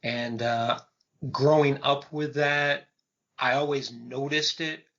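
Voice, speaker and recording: A man in his fifties co-hosting a film podcast, talking in a measured, thoughtful way with frequent pauses. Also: medium pitch, fairly even intonation, fairly bright tone. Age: 50s. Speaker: podcast host. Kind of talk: casual film discussion. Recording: dull lo-fi podcast audio.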